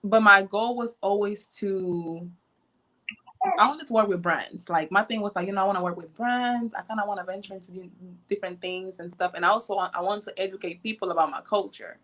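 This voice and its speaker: Brisk and sharp-toned, this medium-pitched young woman from Honduras is a guest blogger on a livestream. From her home, she tells stories casually with many filler words, using an earphone mic on a video call.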